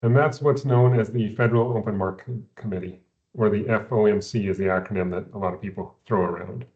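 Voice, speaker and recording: A man, an investment adviser, explaining economics in a measured way, often repeating words at the start of phrases, heard over a video call. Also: lowish voice, phone-quality sound. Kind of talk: explaining economics in a recorded company Q&A.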